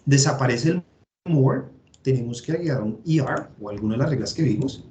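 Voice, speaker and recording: A man's voice: mid-range voice, expressive, a little fast, mellow. A man with a Colombian Spanish accent, teaching an English grammar class online and explaining each step patiently while thinking aloud.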